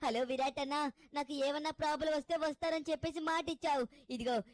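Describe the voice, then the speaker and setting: Sassy cartoon little girl, played by a woman: high-voiced, scolding, dramatic, dry close sound. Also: fairly even intonation, fast talker, no room sound, lightly acted. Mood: indignant.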